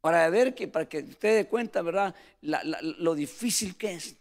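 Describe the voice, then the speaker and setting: Animated and a little high, a man speaks at a normal speed as he tells the story of his ministry. It's an earnest testimony in which he constantly calls the listener "hermano," or brother.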